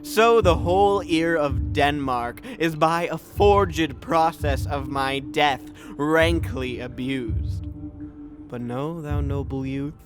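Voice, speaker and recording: A man playing the solemn, tormented ghost of a murdered king in a Shakespearean audio drama, speaking gravely and declaiming with drawn-out words. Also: fairly high pitch. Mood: bitter, disgusted. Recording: music under the voice. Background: music.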